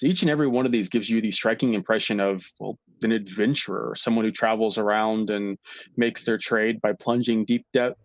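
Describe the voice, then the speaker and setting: Male game master, mid pitch, dry sound, relaxed narration. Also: no room sound.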